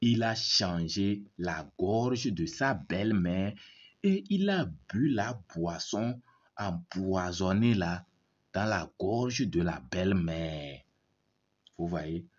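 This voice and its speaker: A man with a very low voice teaches a language lesson at an unhurried pace, repeating words and checking in with his listeners. The recording is dull and lo-fi. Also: expressive. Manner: slow, repeats words, asks "c'est bon?". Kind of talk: reading lesson, explaining a story.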